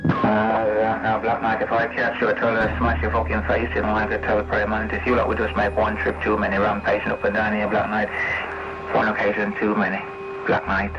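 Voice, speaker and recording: An angry English man rants confrontationally and repetitively over CB radio, swearing often, his fairly low voice monotone and a little fast. The vintage CB transmission sounds noisy and muffled.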